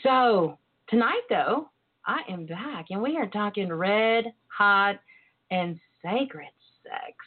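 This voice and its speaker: A woman's voice: mid-range voice, animated, takes it slowly. Female radio host, flirty and coquettish, lingering on words, heard through a tinny phone-quality line. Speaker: radio talk show host. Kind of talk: flirty casual radio monologue. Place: internet call-in radio show over a phone line.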